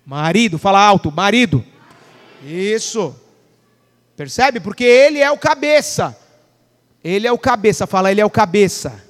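High-voiced preacher man in a reverberant hall. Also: animated, normal speed, pauses often. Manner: preaching with call-and-response questions to the congregation. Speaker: pastor. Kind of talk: sermon.

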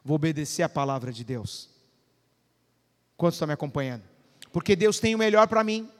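A man's voice: very high-pitched, a bit bright. A middle-aged man pastor preaching a conversational sermon, often asking the congregation if they follow. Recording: long hall reverb.

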